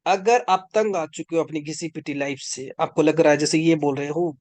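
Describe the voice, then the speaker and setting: Over a video call, a man preaches and prophesies in a fervent, commanding charismatic sermon, leading prayer and bursting into speaking in tongues. His fairly high voice is darkish in tone with fairly even intonation, at normal speed, with no room sound.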